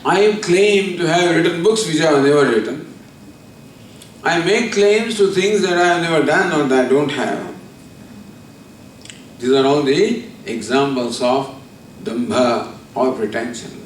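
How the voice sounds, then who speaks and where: Spiritual teacher, man, measured lecture, slightly high voice, distant mic in an echoey room. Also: a little hiss or hum. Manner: deliberate, explaining with everyday examples. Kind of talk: scripture lecture.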